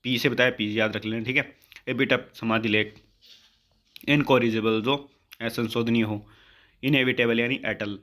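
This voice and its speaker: A man teaching English vocabulary for exams, explaining words in Hindi and drawing out the English definitions slowly. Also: mid-range voice, steady tone, fairly bright tone. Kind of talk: exam-prep vocabulary lesson.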